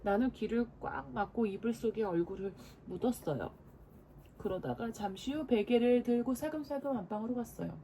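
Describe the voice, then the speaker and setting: A woman in her forties, a mother, reading a storybook aloud to her children at bedtime with lively expression. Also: on the high side, moderate pace, slight background noise. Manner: expressive, lively character voices. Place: home at bedtime.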